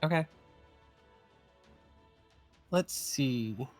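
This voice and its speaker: A man's voice: medium pitch, animated, extremely slow, faint music behind. A man running an online tabletop game, chatting casually with his players and filling his talk with "like" and "um". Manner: rambling, fills speech with "like" and "um". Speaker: game master. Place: online voice chat.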